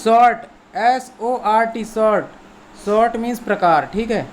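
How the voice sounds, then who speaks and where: A patient teacher works through a vocabulary list, spelling every word aloud one letter at a time before repeating it and explaining what it means. The voice sits at a middling pitch, and a faint hiss runs underneath. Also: unhurried. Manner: spells words out letter by letter, then repeats and translates them; patient and repetitive, often checks in with "theek hai". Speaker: English teacher. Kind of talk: language lesson explained in Hindi.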